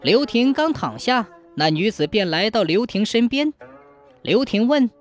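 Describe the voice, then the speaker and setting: A woman narrating a folk ghost story in an expressive storytelling manner. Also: on the high side, a little slow, soft background music.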